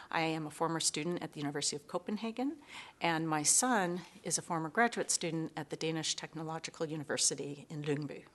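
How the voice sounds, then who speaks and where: A middle-aged woman from Seattle, giving a thoughtful, earnest museum interview with frequent pauses and fillers. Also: low voice, a bit bright.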